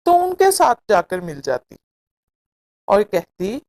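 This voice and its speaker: With a medium-pitched voice, a woman reads aloud a moral story written for kids. The storytelling is deliberate and expressive.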